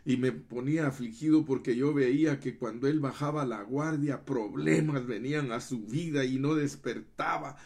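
A man preaching a fervent sermon as pastor, swinging between loud emphatic runs and soft hushed asides, often calling listeners brother. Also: medium pitch, moderate pace, hardly any pauses.

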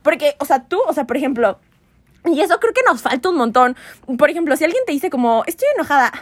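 A woman's voice: sits high, brisk, no echo. A young woman, chatting casually on a podcast and acting out quoted voices. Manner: animated, laughs often, acts out quoted voices. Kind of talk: casual chat.

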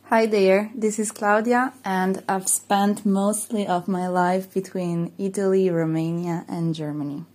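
A woman speaking gently and reflectively about small things she is proud of. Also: medium pitch, steady tone, measured pace, hardly any pauses. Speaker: podcast guest.

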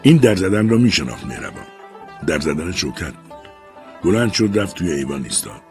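A man narrating an audiobook story in a measured, calm storytelling manner. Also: low-pitched, vocal fry, faint music behind. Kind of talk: scripted narration.

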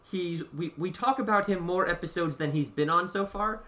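A chatty man hosts a casual podcast with a bright, forceful voice and a slightly raised pitch. He laughs often and pokes fun at himself, and he sits a bit back from the mic. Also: normal speed, far from the mic. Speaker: podcast host. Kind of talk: casual chat.

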